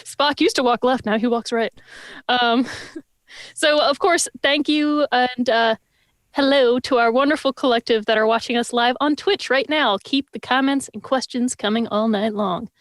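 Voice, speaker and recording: A woman's voice: on the high side, normal speed, no echo, studio quality. A woman co-hosting a live-streamed podcast, making upbeat announcements full of puns. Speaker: podcast co-host.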